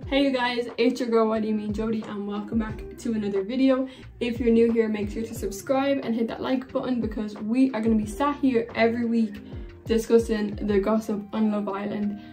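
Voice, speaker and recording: A woman's voice: on the high side, level tone, fairly quick, warm tone, soft background music. A woman in her twenties casually gossiping and giving opinions in a reaction vlog. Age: 20s. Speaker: reaction vlogger.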